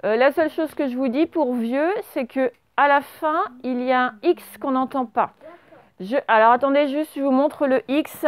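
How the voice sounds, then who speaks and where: A primary school teacher quizzes her pupils and praises their answers while dictating words, spelling them letter by letter. Her high voice is clean in tone and moves at normal speed, in a dry recording.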